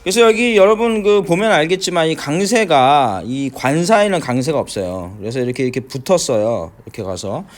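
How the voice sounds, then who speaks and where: A middle-aged man with a slightly high voice teaches an English listening lesson, slowly breaking down phrases to explain pronunciation in a classroom lecture. He uses many fillers and keeps checking that his students are following.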